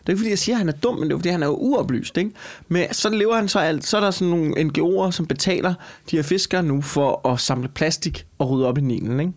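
Animated man, slightly high-pitched voice. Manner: animated, emphatic, swearing, repeats and piles up phrases. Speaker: comedian and talk show co-host. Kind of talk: casual argumentative chat.

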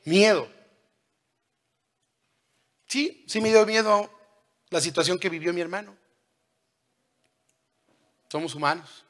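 A man in his thirties preaching a sermon, who swings between loud calls and hushed lines and puts questions to the congregation. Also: high-pitched, slow, long pauses. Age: 30s.

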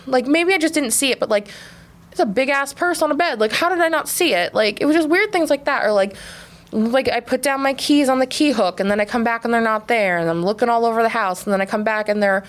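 A woman in her twenties co-hosting a podcast, telling a story in a casual, animated way, full of laughs and "like". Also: on the high side, fast. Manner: animated, laughing, heavy use of "like". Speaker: podcast co-host.

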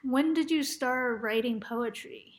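A woman's voice: high-pitched, takes it slowly. A woman interviewing a guest, asking polite questions and giving short encouraging replies. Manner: polite, with brief encouraging backchannels.

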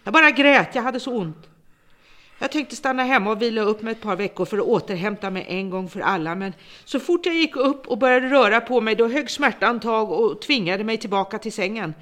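A woman's voice: fairly high pitch, lively intonation. A woman playing a bitter, vengeful captor. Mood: bitter lament. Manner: bitter, brooding monologue turning to hushed menace. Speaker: embittered former home care worker holding a captive. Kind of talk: radio drama acting.

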